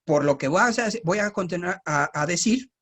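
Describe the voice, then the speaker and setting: A man's voice: high voice, lively intonation, a little fast, a bit bright. Man, Mexico City Spanish accent, Bible teacher, conversational, joking asides, tag questions.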